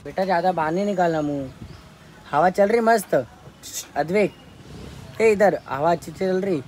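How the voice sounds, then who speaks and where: A man's voice: sits high, normal speed, a little mellow, a little hiss or hum. A man filming a casual family vlog as a father, coaxing and soothing a small child.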